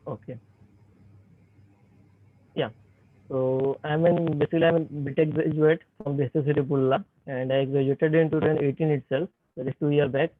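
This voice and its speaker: Over a poor video-call connection that keeps breaking his voice, an Indian-accented startup founder in his twenties talks to students. His voice sits on the high side with a steady tone, normal speed and frequent pauses, hesitant and filler-heavy, on a tinny, dry lo-fi line with no echo.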